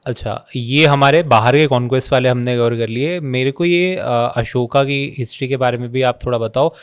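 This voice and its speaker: A man's voice: medium pitch, normal speed, smooth. A man hosting a podcast interview, who asks short questions, mixes English into his Hindi, and keeps up frequent listening sounds. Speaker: podcast host.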